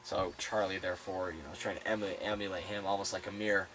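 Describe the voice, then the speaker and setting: A young man co-hosting a casual book discussion, playful and excitable, acting out the quotes. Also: sits low, quick pace. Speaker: student co-host. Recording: distant mic, faint room noise.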